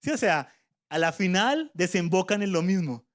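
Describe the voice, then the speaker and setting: A man's voice: sits high, expressive, moderate pace. A man preaching a sermon in a conversational way, voicing imagined objections from his listeners.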